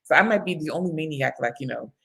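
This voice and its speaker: Low gravelly woman hosting a livestream. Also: animated, fast talker, fairly bright tone. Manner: chatty, laughs often, reads viewer comments aloud. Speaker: book coach hosting live writing sprints. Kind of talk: casual live-stream chat.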